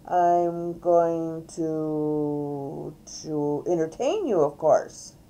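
An older woman voicing a cheerful male cow entertainer, talking in a squeaky voice and announcing his tricks like a grand showman. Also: drawn-out words, dark tone, heavily acted, low-quality recording. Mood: showy.

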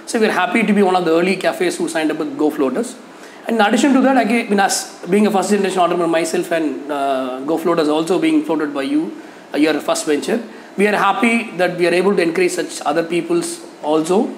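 A man, a cafe owner giving candid interview feedback, hesitant with many fillers and restarts. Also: a little high. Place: cafe with painted mural wall, indoors. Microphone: lapel mic. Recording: echoey cafe room with faint noise.

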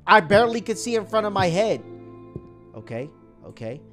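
Jumpy young man with lively high voice. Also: normal speed, over music. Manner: slangy, jumpy, talks to viewers. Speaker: gaming YouTuber. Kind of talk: horror let's play commentary.

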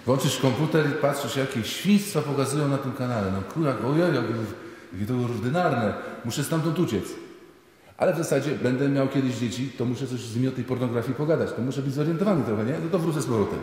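A priest giving a parish talk, telling lively stories and acting out the people in them. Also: male voice, mid-range voice, quick pace. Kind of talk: sermon. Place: parish church. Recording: echoey church hall, faint noise.

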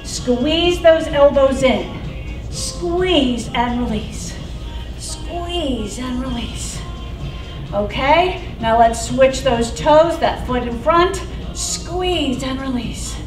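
This middle-aged aerobics instructor has a high voice and gives slow, deliberate cues, keeping her tone upbeat and encouraging while counting down repetitions. The session takes place in an indoor studio with a wooden floor, picked up by a distant mic in a roomy space over loud workout music.

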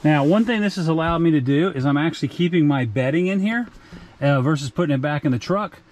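A man's voice: a little high, a little fast, darkish tone. A man in his fifties hosting a casual outdoor vlog, reviewing camping gear in a plainspoken, chatty way with frequent restarts. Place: outdoors in a forest campsite and inside a rooftop tent.

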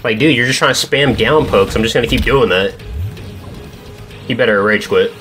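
A man's voice: mid-range voice, moderate pace, fairly bright tone. A young man giving casual commentary on his own video game matches in a slangy, profane, sarcastic way, with frequent swearing. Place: indoors at a gaming setup in a dim room. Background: game music.

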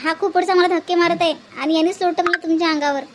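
A woman's voice: very high voice, fairly even intonation, racing, a little hiss or hum. A woman voicing a timid young village girl who pleads her innocence, speaking with a Varhadi Marathi accent. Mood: pleading. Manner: pleading, defensive.

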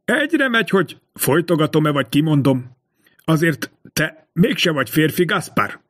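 A man voicing a greedy, feverish innkeeper's wife who speaks hoarsely and taunts her husband in an audiobook. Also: sits low, animated. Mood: taunting. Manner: taunting, needling.

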